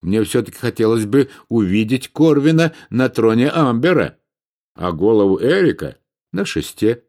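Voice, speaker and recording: A man reading an audiobook, voicing a brash, boastful adult prince in a raised, animated voice. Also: medium pitch, moderate pace.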